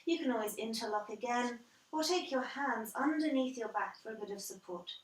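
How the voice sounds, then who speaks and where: A woman guiding a yoga class as instructor, calm and measured, step by step. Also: on the high side. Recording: roomy echo, distant from the mic.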